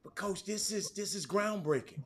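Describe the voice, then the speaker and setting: A middle-aged man hosting a sports talk show, animated and stammering through restarts. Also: sits high, moderate pace, husky.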